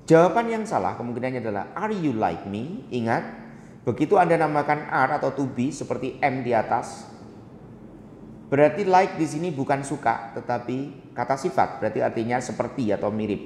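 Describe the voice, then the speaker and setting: A middle-aged man giving a recorded English grammar lesson, explaining answers and reading example sentences slowly and deliberately. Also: medium pitch, lively intonation, darkish tone, slight background noise. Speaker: English teacher. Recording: echoey room with long reverb.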